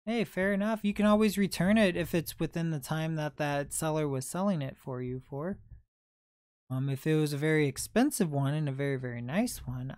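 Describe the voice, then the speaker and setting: A man in his late twenties hosts a relaxed livestream, talking easily and answering viewer comments one after another. His voice is smooth and clear. The sound is dry and close, with no room echo. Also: a little high. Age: 20s. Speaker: livestream host and reseller. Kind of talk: casual livestream chat.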